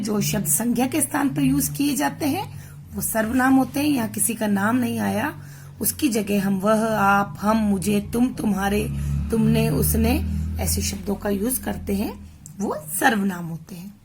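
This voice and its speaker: A woman tutor from India going through a grammar worksheet, reading words out slowly one by one. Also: on the high side, a little mellow, faint music behind. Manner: slow, deliberate, spells words out one by one. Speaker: home tutor. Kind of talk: explaining a worksheet.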